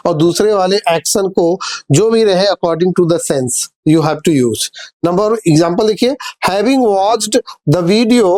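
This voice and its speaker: A man's voice: high-pitched, a little mellow. A man teaching English grammar in a classroom-style lesson. He explains patiently, asks questions and answers them himself, and addresses his viewers as dear children. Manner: reads English example sentences slowly and deliberately.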